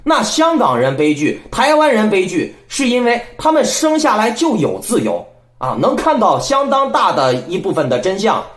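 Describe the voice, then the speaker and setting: A man delivering political commentary as the host of his own channel, speaking a little high and swinging his pitch up and down in a lively way. He lectures and scolds, keeps turning to his listeners to ask if they agree, and sounds like he is in an echoey room. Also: normal speed. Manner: rhetorical, keeps asking listeners "right?".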